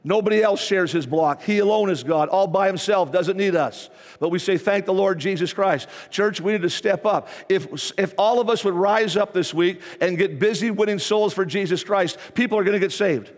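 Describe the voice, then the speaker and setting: A pastor delivers an emphatic sermon, hammering phrases again and again. His voice sits high for a man. The sound carries the long reverb of a church sanctuary. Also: moderate pace, few pauses. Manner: repetitive, emphatic preaching.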